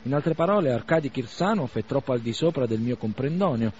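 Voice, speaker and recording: A man's voice: mid-range voice, lively intonation, fairly quick, voice pushed up, lightly acted. A man playing a scornful young radical. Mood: mocking. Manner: sarcastic, forceful. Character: blunt scornful young man, mocking and combative. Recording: slightly dull radio recording.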